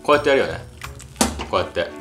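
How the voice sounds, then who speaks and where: A man's voice: deep voice, expressive, rapid-fire, a bit bright. A young man with a Hiroshima accent, an older brother chatting casually and playfully bossing his sibling while cooking. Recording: roomy echo, faint background music.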